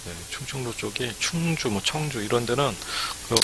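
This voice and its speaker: A man's voice: medium pitch, lively intonation, normal speed, background noise. A man giving a live-streamed lecture to would-be academy owners, chatty and peppered with "ne" fillers. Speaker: academy startup consultant.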